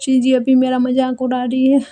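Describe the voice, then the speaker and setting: A woman's voice: sits high, completely flat delivery, moderate pace, mellow, natural voice. A woman voicing a pampered eighteen-year-old younger brother who whines and pouts, in a storybook retelling. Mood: sulky. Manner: whiny, pouting complaints. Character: sulky teenage boy, pampered younger brother.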